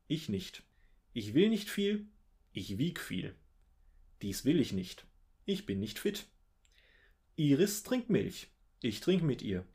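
A man hosting a literature podcast, reciting playful one-vowel poems with dry humor. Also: breathy edge. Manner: dramatic, wry recitation with lively pitch swings. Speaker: podcast host.

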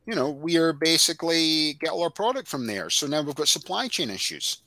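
A man co-hosting a casual chat, making his points emphatically as he builds them up in quick lists. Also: on the high side, expressive, pushed and bright, dry recording. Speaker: podcast co-host.

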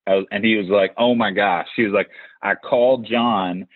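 A man's voice: fairly low pitch, steady tone, moderate pace, no room sound. A man hosting a podcast, telling stories in a casual chat and animatedly acting out the voices of the people he quotes, with frequent restarts. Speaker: podcast host. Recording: tinny phone-like, dry sound.

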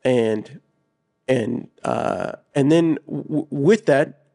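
A man with a gravelly, fry-heavy voice co-hosts a movie podcast. His pitch sits in the middle range. He talks earnestly and rambles, with lots of fillers. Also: extremely slow, mellow. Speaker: podcast co-host. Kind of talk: casual chat.

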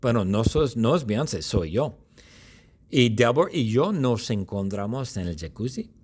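A man's voice: medium pitch, sing-song, a little mellow, husky. A man playing a smug pop star schemer. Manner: slow, simple storytelling in first person. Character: scheming man posing as male pop singer.

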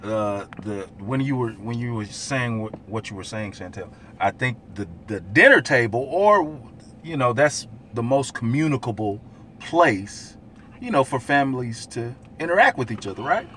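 A man hosting a relaxed group podcast conversation. His voice is bright and swoops up and down a lot. He often stops and restarts his sentences, and he laughs easily. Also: medium pitch, normal speed, slight background noise. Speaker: podcast host. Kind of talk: casual group chat.

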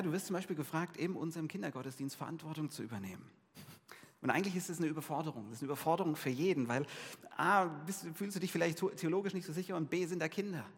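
A man preaching a sermon in a casual, conversational way, with lively asides and quick shifts between emphatic and soft delivery. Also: fairly high pitch, big-room sound. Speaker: pastor.

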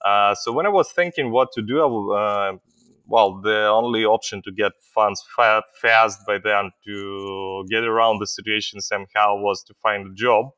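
A middle-aged man from Ukraine recounts his past as an interview guest, pausing often on fillers. His voice sits low yet sounds bright and crisply clear. The sound is dry, with almost no room echo. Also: steady tone, lo-fi sound. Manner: hesitant, many fillers. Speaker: company CEO, guest. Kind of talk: interview storytelling.

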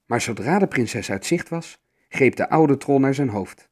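A man narrating a fairy tale in an expressive, storytelling manner. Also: medium pitch, unhurried.

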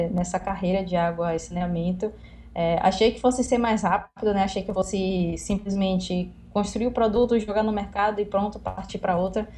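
Mellow-voiced young woman. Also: medium pitch. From Salvador, Bahia, Brazil. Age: 20s. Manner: earnest, measured storytelling. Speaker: guest, young scientist. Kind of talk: interview answer.

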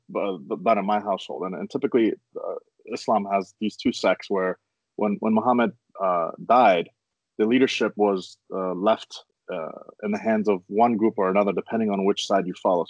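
A man's voice: lowish voice, a little mellow, no room sound. A man from Afghanistan hosting a casual conversation, curious and thoughtful, often restarting his sentences.

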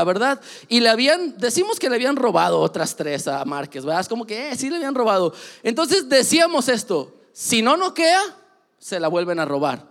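A young man giving a casual, joking sermon full of animated sports stories. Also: high voice. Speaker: preacher. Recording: long reverb of a large hall.

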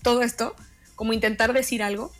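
A woman, a guest expert explaining emotions in calm conversation, measured and pausing to repeat her words. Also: on the high side, faint music behind.

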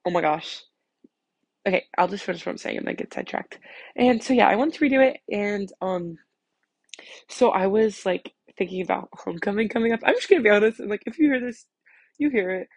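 Teenage girl, American accent, slight retainer lisp, gravelly fry, husky edge, giggly rambling podcast chat, filler-heavy. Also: medium pitch, animated, brisk, no echo. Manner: giggly, self-conscious, heavy use of "like". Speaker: podcast host. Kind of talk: casual rambling catch-up podcast. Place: in bed at home.

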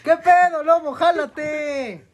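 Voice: sits high, fairly even intonation, slow pace. A Mexican speaker in casual, slang-heavy banter with friends, swearing freely and teasing crudely. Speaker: prank-call podcast host.

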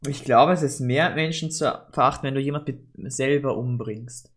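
A man's voice: mid-range voice, moderate pace. A young man chatting candidly and casually with a friend. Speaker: co-host. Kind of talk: casual chat.

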